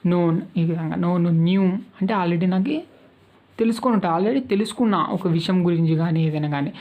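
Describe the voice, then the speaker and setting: A woman's voice: on the low side, moderate pace, phone-quality sound. A woman with a Telugu accent teaching spoken English, patiently repeating each verb form and checking that her students follow.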